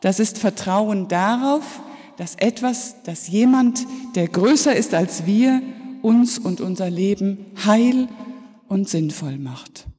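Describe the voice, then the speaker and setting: A middle-aged woman pastor giving an Easter sermon, telling stories slowly and reflectively with pauses. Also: mid-range voice, lively intonation, mellow, breathy edge. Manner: slow, reflective storytelling with pauses. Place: church. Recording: reverberant church hall.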